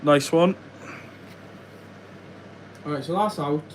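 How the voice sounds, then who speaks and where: A young man from West Wales livestreams from an indoor workbench while building a model farm, chatting casually. His voice is fairly high and slow, with a little hiss or hum in the recording, and he reads viewer questions aloud and mutters to himself as he works.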